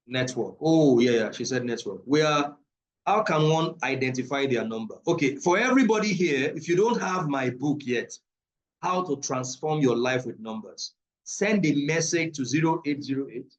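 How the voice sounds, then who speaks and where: An African man teaches numerology and esoteric ideas in a live online class, fielding questions and driving points home by repeating key phrases like a preacher. His medium-pitched voice has lively intonation and a normal pace. The recording has its highs cut off and slight background noise.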